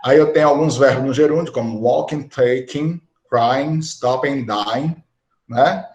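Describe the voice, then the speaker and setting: A man's voice: mid-range voice, a little slow, a little mellow, echoey room, lo-fi sound. A man with a Brazilian Portuguese accent teaching an English grammar lesson, explaining each rule step by step and often checking in with the class. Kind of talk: recorded online grammar lesson.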